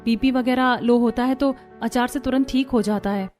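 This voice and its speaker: A woman voicing a helpful young female coworker in an animated cartoon, speaking politely and urgently. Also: fairly high pitch, moderate pace, soft background music, natural voice. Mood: anxious.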